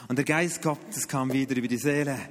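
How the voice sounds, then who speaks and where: A middle-aged man from Switzerland, a pastor preaching a sermon and telling personal stories with lively jumps in pitch. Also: fairly quick, long reverb tail. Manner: animated storytelling with sudden pitch jumps and asides.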